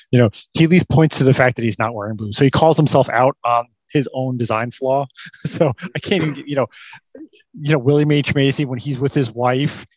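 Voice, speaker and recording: A man's voice: mid-range voice, dry recording. A man co-hosting a casual movie review podcast, chatting in an easygoing, agreeable way. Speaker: podcast co-host.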